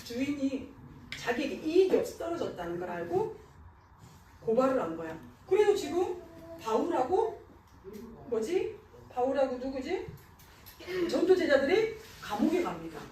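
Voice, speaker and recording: A woman's voice: high-pitched, sing-song, moderate pace, long pauses, warm tone, slight background noise. A woman giving a sermon to children in a church, asking the kids questions and answering them herself. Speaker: children's pastor. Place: church sanctuary. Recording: echoey church hall, mic far off.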